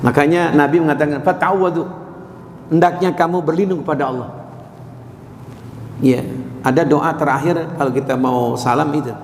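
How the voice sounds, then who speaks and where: A man's voice: fairly high pitch, a little hiss or hum. A man preaching a sermon in a mosque, telling stories animatedly and slipping into quoted voices. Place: mosque hall. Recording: echoey hall, faint ambience.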